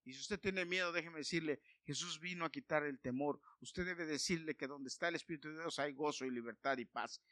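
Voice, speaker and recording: A man preaching a sermon, emphatic and building to loud declarations. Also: a little high, a little fast, hardly any pauses, no room sound.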